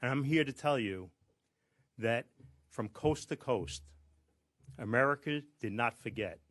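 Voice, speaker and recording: A man's voice: mid-range voice, animated, measured pace, a bit bright. A man speaking for fire officers, giving an earnest, rousing prepared speech at a press conference. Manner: earnest, rousing, building to emphasis. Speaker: fire officers' union president.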